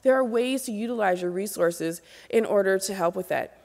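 A woman's voice: mid-range voice, moderate pace, creaky, darkish tone. Earnest woman lecturing in a reverberant hall. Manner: earnest, direct, gestures as she speaks. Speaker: keynote speaker, professor. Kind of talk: motivational lecture. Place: large auditorium stage at a podium. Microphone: podium microphone. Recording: long reverb of a large hall.

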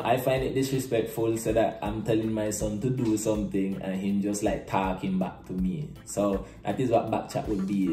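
A man's voice: lowish voice, dark tone. Young Caribbean man, roomy echoey sound. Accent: Nicaraguan Creole. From Bluefields, Nicaragua. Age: young adult. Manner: conversational, uses Creole phrasing in examples. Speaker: presenter explaining Creole slang. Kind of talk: casual explainer vlog with acted-out examples. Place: small plain room indoors. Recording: roomy echo, camera mic.

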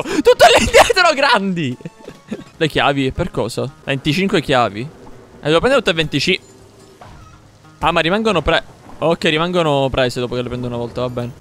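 A young man commentating his own gameplay live, excitable, repeating words in quick bursts and swearing when things go wrong. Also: on the high side. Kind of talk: live let's-play commentary. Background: game music.

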